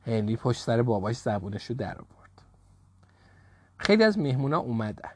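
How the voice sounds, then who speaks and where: A man reading a children's story aloud in a lively, expressive way. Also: medium pitch, husky, no echo, studio quality.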